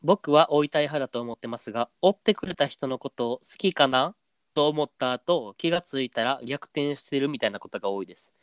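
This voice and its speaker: A man's voice: mid-range voice, a little fast, smooth, dry recording. A man with a Kansai accent co-hosting a podcast, chatting easily and reading a listener's letter aloud. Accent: Kansai Japanese. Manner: easygoing, drops into a stiff flat voice when trying standard speech. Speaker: podcast co-host.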